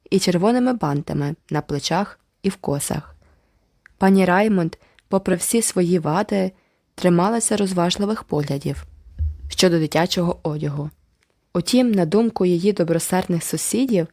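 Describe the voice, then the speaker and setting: A woman narrates a novel in a measured storytelling voice as an audiobook narrator reading a script. Her voice is lowish and a little mellow, and the recording is clean studio sound with no room sound.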